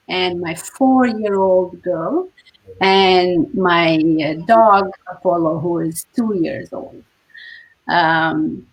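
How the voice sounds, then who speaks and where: Slow-talking woman hosting. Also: medium pitch. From Lebanon. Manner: unhurried, many filler pauses. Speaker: host. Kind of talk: casual talk show self-introduction.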